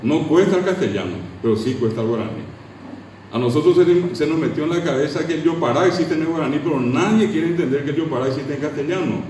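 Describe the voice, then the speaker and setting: A man's voice: on the high side, fast, a little mellow, a little hiss or hum. A man from Paraguay with a Paraguayan Spanish accent, giving a classroom lecture on language, asking the class questions and drilling sounds aloud. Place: lecture room. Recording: echoey hall from far off.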